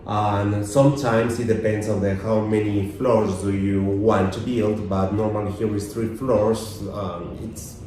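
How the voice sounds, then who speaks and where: Low-voiced man, halting broken English. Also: level tone, dark tone. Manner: halting, broken English with searched-for words and slightly off grammar. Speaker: architect being interviewed as guest. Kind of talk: explanatory interview answers. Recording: roomy echo, distant mic, faint noise.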